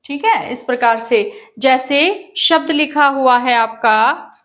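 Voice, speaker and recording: A woman teaches a grammar lesson at an unhurried pace. Her voice sits high, and she breaks each example into small pieces. She repeats her questions to the students before giving the answer herself. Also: a bit bright.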